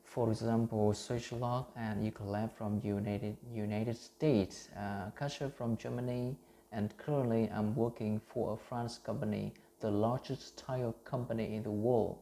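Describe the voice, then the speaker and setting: A man's voice: on the low side, steady tone, a little slow, creaky, dark tone, slight background noise. A man in his thirties from Vietnam with a Vietnamese accent, earnestly teaching English pronunciation into his phone, with many fillers and restarts. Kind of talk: self-recorded teaching vlog.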